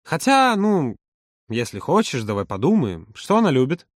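A man's voice: a little high, wildly swooping pitch, normal speed, dry recording, studio quality. A man reading an audiobook, voicing an easygoing, joking man who talks offhand. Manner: offhand, shrugging.

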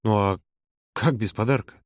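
A reserved, terse man, as a male audiobook reader plays him, answers in short, restrained phrases. The voice drops a bit lower and quieter than the narration. The recording is dry and close. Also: normal speed, no echo, close to an everyday voice. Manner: restrained, brief.

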